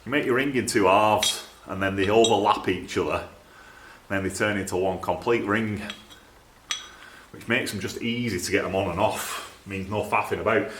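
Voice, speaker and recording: With noise in the background, a Northern English man speaks at a normal speed in a fairly low voice. The exhaust fabricator and video presenter chats casually to camera from a small, cluttered workshop, rambling as ideas come to him, and the space sounds echoey.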